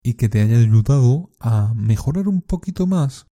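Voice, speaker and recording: A man from hosting a language-lesson podcast, reading a scripted lesson and leading slow, clear repetition drills. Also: medium pitch, expressive, mellow. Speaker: Spanish teacher podcast host.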